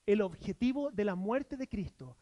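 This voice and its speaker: A man's voice: high-pitched, animated, normal speed, dark tone, dry recording, dull audio. A man with a Chilean Spanish accent preaching a sermon as pastor, earnest, asking rhetorical questions and voicing imagined objections from listeners. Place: church.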